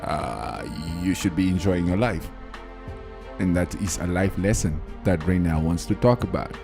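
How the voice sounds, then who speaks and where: A man hosting a weekend radio show, speaking in a relaxed, reflective way. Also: low voice, a little slow, gravelly, music in the background.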